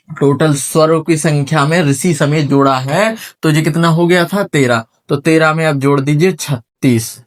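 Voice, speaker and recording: A man teaching a classroom lesson at a whiteboard, sounding out syllables one by one and quizzing his students. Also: a little high.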